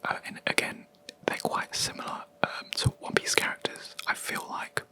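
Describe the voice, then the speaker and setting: In this whispered ASMR gaming chat, a video creator talks at a moderate pace in a soft, unvoiced whisper that sounds very bright and crisp from start to finish. The delivery is rambling and hesitant, peppered with ums and self-corrections.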